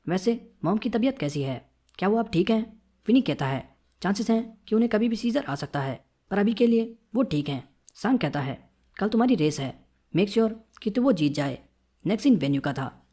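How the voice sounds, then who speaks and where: Mellow-voiced woman narrating a story. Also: on the low side. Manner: steady reading that voices every character in the same tone. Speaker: storyteller recapping a comic series. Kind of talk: scripted narration.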